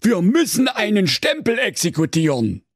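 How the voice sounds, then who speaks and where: Man doing a raspy muddled storybook brother, high, lively, rambling, dry sound. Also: moderate pace, no room sound, exaggerated voice. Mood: bumbling. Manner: rambling, bumbling complaints. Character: naive, muddled fairy-tale brother.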